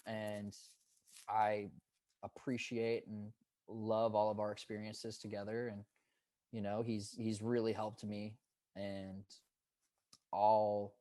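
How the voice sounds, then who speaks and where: A young man in his twenties talks on a podcast in a low, easygoing register. He tells his stories earnestly and gets hyped up now and then. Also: little pitch movement, mellow, dry recording. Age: 20s. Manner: upbeat and hyped, drawn-out earnest storytelling. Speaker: guest, pro paintball player. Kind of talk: casual podcast interview.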